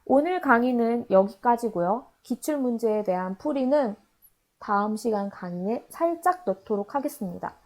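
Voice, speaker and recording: A woman teaching a high school literature class in a recorded online lecture, explaining an old poem by acting out its lines in casual paraphrase. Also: animated, normal speed, darkish tone.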